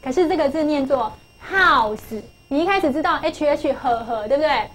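A woman's voice: high-pitched, lively intonation, normal speed, a bit bright, poor audio. A middle-aged woman teaching English phonics to a class, coaxing pupils with questions and repeating key phrases.

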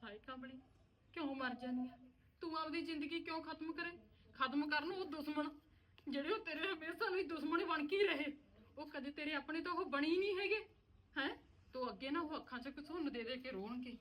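A woman's voice: high voice, fairly quick, fairly bright tone, poor audio. A woman playing a caring sister-in-law who comforts and reassures, in an amateur village drama. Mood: comforting. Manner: soothing, reassuring.

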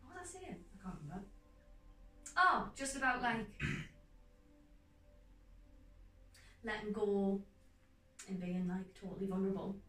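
A young woman actor talking earnestly and enthusiastically in a casual interview, in quick runs of speech. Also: medium pitch, a bit bright, distant mic. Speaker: guest actor. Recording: roomy echo, off-mic, faint music behind.

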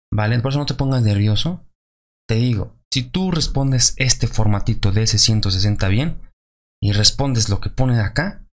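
Chatty Mexican man giving vlog advice. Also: mid-range voice. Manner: chatty, loose, many fillers and tags like "¿sale?". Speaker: vlogger.

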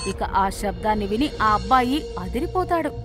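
A woman narrating a horror storybook in a measured, dramatic style. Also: mid-range voice, expressive. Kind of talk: scripted narration. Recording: narration over loud background music.

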